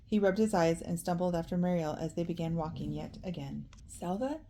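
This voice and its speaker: A woman reads a children's novel aloud at a calm, measured pace. Her voice sits a little low, with a warm, mellow tone. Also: a little hiss or hum. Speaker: audiobook reader.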